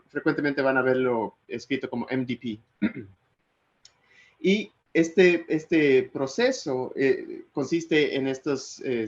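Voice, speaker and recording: A man's voice: mid-range voice, dull audio. A man from Ecuador giving an online technical lecture, hesitating often with fillers and restarts.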